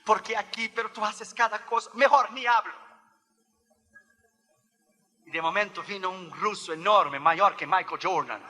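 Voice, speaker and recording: A male preacher delivering a dramatic storytelling sermon that builds to shouted exhortation in a church. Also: sits high, moderate pace, long reverb tail.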